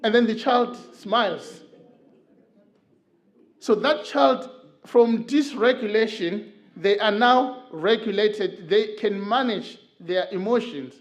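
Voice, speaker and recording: A middle-aged man from Zimbabwe, whose voice sits high for a man, addresses men's mental health in a church hall. He is earnest and storytelling, and frequent filler pauses mark his search for the right words.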